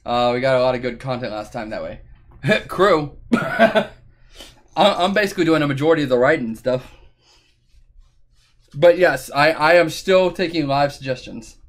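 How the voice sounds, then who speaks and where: A man's voice: mid-range voice, moderate pace, pauses often. A male streamer and voice actor in casual gaming-stream chat, joking and swearing freely. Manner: joking, profane banter.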